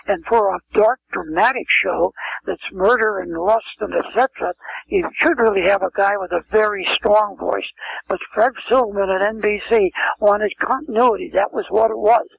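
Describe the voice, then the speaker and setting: Speaking at a moderate pace in a high, gravelly voice with a breathy edge, this older interview guest keeps restarting and wandering off into asides as he spins rambling anecdotes. The casual storytelling chat comes through muffled, with phone-quality lo-fi sound.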